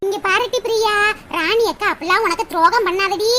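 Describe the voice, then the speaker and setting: Vasanthi, a squeaky scolding village auntie. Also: female voice, a little fast. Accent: southern Tamil. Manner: scolding, coaxing, folksy sayings. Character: bossy middle-aged village neighbour woman. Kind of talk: dubbed cartoon comedy. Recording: loud hiss and clicks over the voice.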